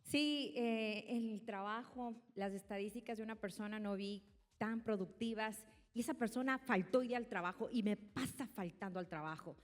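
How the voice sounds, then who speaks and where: Female volunteer doing an onstage skit, mid-pitched voice, long hall reverb. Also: brisk. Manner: switches between Spanish and English. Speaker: volunteer acting out a scene on stage. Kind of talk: playing a short scene in front of an audience.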